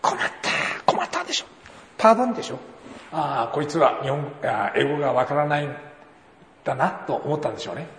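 A man preaching a sermon as an animated storyteller who acts out the dialogue of his anecdotes, in a church hall. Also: fairly high pitch, quick pace, slight background noise. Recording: roomy hall reverb, faint ambience.

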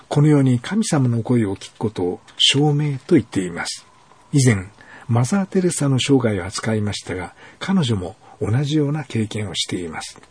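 A man hosting a show, telling a story gently and pausing for rhetorical questions. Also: medium pitch, slightly rough. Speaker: radio host. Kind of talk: storytelling narration.

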